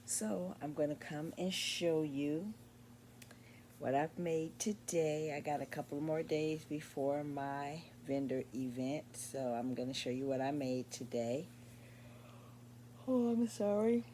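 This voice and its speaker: A woman in her sixties showing her crochet work in a casual vlog at home late at night, sleepy and meandering, with many pauses and ums. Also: low voice, steady tone, mellow, a little hiss or hum. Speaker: crochet vlogger. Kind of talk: casual show-and-tell vlog.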